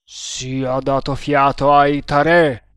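A man booming as a fierce cult chief. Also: level tone, fairly bright tone, smooth, no room sound, studio quality. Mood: commanding. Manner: thundering, slow, commanding. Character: fierce male chief of the stranglers.

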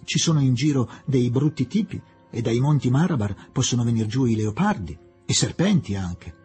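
A man playing an excitable, courteous young doctor who speaks emphatically and earnestly. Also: medium pitch, normal speed, slightly rough, faint music behind.

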